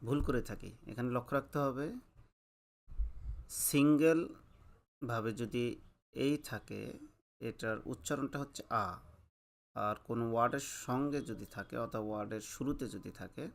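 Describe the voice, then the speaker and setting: A man teaching English letter pronunciation, slowly drawing out each sound and slipping English phrases into his explanations. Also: mid-range voice, vocal fry, fairly bright tone. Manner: slow, deliberate, drawn-out letter sounds. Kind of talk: pronunciation lesson.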